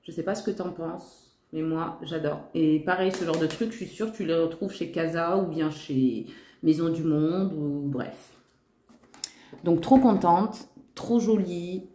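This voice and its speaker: A deep, dark-toned female voice speaks at a measured pace in a casual shopping-haul vlog, addressing viewers head-on. She's gushing and enthusiastic, using "trop" and "magnifique" over and over. The room echoes, and there's a little hiss or hum.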